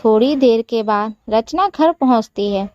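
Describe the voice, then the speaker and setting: A woman narrating a moral story, reading slowly in a slightly high voice. The recording is dry and a little dull, with no room sound. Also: no echo. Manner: slow, even storytelling.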